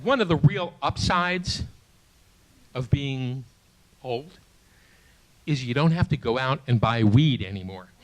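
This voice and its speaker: A man in his late sixties performing a stand-up comedy set in a small theater, with a halting, self-deprecating delivery full of restarts, and audience laughter behind him. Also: medium pitch, animated. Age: 60s. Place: small theater stage before a live audience.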